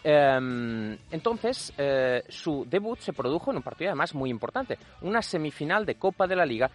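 A man's voice: on the high side, big pitch swings, normal speed, faint music behind. A middle-aged man telling football stories on a radio show, explaining at length with many fillers and repetitions. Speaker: regular football storyteller guest. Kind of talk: conversational storytelling on radio.

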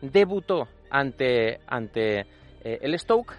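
Lively middle-aged man telling football stories. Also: medium pitch, very slow, faint music behind. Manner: explanatory, with many fillers and repetitions. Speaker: regular football storyteller guest. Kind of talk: conversational storytelling on radio.

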